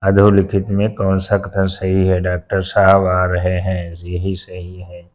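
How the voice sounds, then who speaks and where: A low-pitched man works through exam questions at an unhurried pace and repeats each answer to make sure it sticks. His tone is dark and mellow, with almost no rise or fall in his voice. The recording is dull and lo-fi. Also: monotone. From India. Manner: slow and methodical, repeats each answer word for word. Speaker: teacher. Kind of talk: exam-prep lesson, reading out questions and answers.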